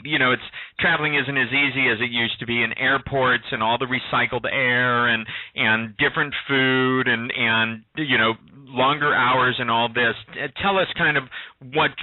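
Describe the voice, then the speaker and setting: A man's voice: mid-range voice, dry recording. A man hosting a radio talk show, asking questions in a hesitant way full of ums and restarts. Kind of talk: casual interview talk. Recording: tinny phone line.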